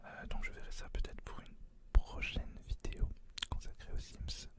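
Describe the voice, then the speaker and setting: A host whispering right into the listener's ear in informal, rambling ASMR gaming commentary, with some hesitation. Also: normal speed.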